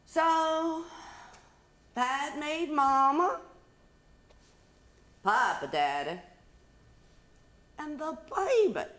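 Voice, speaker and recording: High-voiced woman reading a story, unhurried. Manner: aggrieved, expressive narration. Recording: roomy echo.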